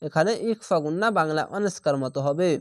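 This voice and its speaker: A man's voice: fairly high pitch, fast, no room sound, studio quality. A man teaching Quran reading, who spells out each letter and syllable, repeats the sounds and stretches the vowels before joining them into words. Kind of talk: step-by-step recitation lesson.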